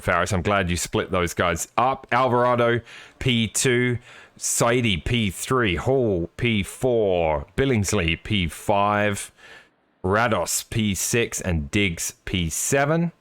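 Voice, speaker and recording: Guy calling a sim race live, lowish voice, dry close mic, jokes around a lot. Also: a bit bright, dry recording. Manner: chatty, jokey, apologetic asides. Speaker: sim racing commentator.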